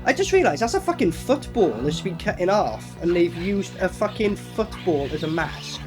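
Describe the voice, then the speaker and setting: A man's voice: sits high, very animated, moderate pace, music in the background. A man giving casual, mocking running commentary on a film, sarcastic and full of swearing. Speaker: horror film reviewer reacting while watching.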